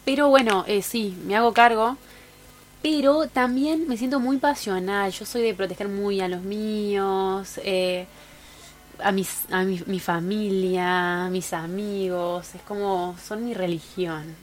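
A woman's voice: medium pitch, steady tone, takes it slowly. A woman with a Rioplatense Argentine accent, joining a casual chat in a playful, teasing way. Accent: Rioplatense Spanish.

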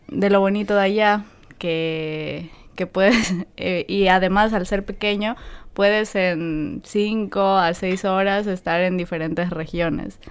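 A woman's voice: fairly low pitch, clean tone. A woman, a guest chatting casually and hesitantly with frequent laughs. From Ecuador. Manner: hesitant, laughs often, many fillers. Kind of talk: casual chat.

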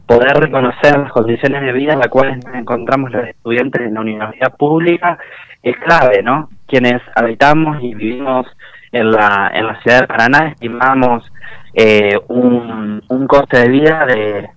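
Un joven argentino de Entre Ríos, estudiante universitario, que habla en serio en una entrevista de radio, dudando a menudo y cerrando frases con "¿no?". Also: male voice, medium pitch, normal speed, fairly bright tone, low-quality recording. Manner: earnest, many hesitations and repeated tag questions. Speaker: university student and union representative. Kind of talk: radio interview guest.

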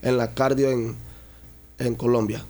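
A man's voice: mid-range voice, little pitch movement, a little slow, darkish tone, faint music behind. A young man from Panama with a Panamanian Spanish accent, a father being interviewed, speaking earnestly and with hesitant restarts. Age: young adult. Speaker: father seeking help.

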